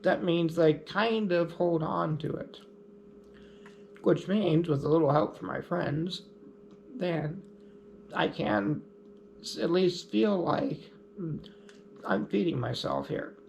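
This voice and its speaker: Slow-talking man with a gravelly voice. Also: on the high side, slight background noise. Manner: easygoing, plainspoken, lightly humorous. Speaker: vlogger. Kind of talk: casual explanatory vlog talk.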